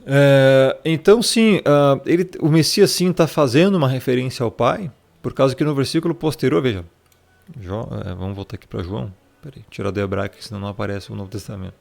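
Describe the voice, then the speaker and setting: Walking point by point through scripture over a shared screen, a man leads a laid-back Bible study. His middle-pitched voice is gravelly and fairly quick, and he keeps things conversational with frequent tag questions and calls of "brother."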